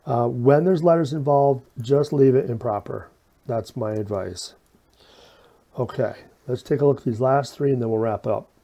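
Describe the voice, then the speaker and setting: In a medium-pitched, dark-toned voice, a man walks viewers through math problems in a relaxed step-by-step video lesson. He keeps it folksy, asking himself questions and answering them, and a slight whistle comes through on his s sounds.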